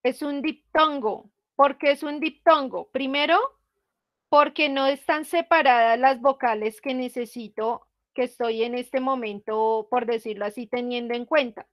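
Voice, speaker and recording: A woman's voice: high-pitched, steady tone, measured pace, no room sound, studio quality. A woman teacher explaining a lesson patiently to students, often asking them questions. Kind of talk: online class explanation.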